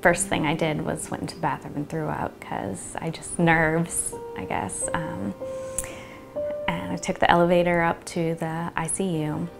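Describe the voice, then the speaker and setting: Woman interviewee, gravelly, halting, soft music underneath. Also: low voice, flat delivery. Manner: halting, soft-spoken recounting with many pauses. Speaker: interviewee, widow. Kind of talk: documentary interview.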